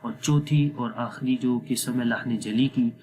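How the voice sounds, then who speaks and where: A man teaching Quran recitation rules in a patient lesson, often checking whether the listener follows and slowing down to sound out Arabic words. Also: mid-range voice, fairly even intonation, a little mellow, slight background noise. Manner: patient, repeats "theek hai?" to check understanding. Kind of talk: explanatory lesson.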